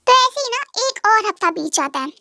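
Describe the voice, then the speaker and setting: A woman narrating a fan audio drama in a quiet, hushed way. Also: very high voice, big pitch swings, moderate pace, over music. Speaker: storyteller.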